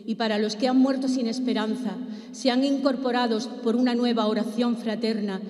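A woman lector reading the intercessions at Mass in a measured, solemn way. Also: a little high, steady tone, warm tone. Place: large church. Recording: echoey church with long reverb.

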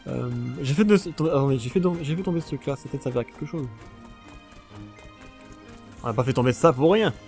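A man giving casual, jokey commentary on a video game while playing, shouting during fights. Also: on the high side, a little fast, pauses often, soft background music. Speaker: let's play gamer.

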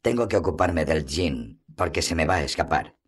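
A man's voice: a bass voice, animated, normal speed. A man reading a fantasy audiobook, voicing a proud female sorceress who speaks in a scornful, breathless way.

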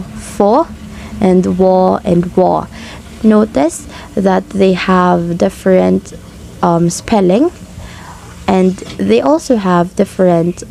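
Gravelly young woman presenting a lesson. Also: fairly low pitch, slight background noise. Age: young adult. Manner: steady, explanatory, slows down to sound out example words. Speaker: student presenter. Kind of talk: reading a class presentation.

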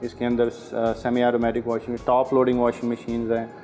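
Hesitant man pitching appliances. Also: completely flat delivery, fairly quick, warm tone, soft background music. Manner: hesitant, many fillers, mixes English phrases. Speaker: brand representative guest. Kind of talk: promotional talk on a TV cooking show. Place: TV studio kitchen set. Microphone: lapel.

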